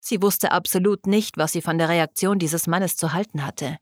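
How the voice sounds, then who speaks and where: Woman narrating a story in a low voice. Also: moderate pace, no room sound, clean studio sound. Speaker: audiobook narrator. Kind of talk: scripted narration.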